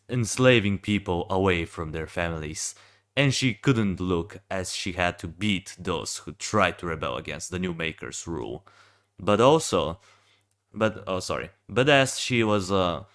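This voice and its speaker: A young man, just woken up, reads a fan-made game backstory aloud while reviewing a hero design, stumbling and starting over often. His voice is low-pitched with a fairly bright tone.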